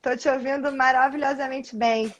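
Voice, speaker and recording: A woman's voice: high voice, fairly even intonation, moderate pace, muffled recording. A woman hosting a live-stream interview from home over a video call, effusive and laughing often. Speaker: host.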